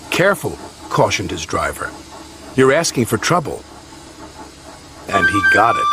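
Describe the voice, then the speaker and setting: A man narrates a children's train story in a scripted storybook style. His delivery swings widely in pitch as he voices each character. Loud music plays beneath him. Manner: acts out the characters' lines with lively voices.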